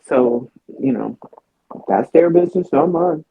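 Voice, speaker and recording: A woman co-hosting a podcast in casual chat, telling stories in an animated way with a husky voice. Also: low-pitched, unhurried, narrow, tinny audio, a little hiss or hum. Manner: animated storyteller. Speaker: podcast co-host.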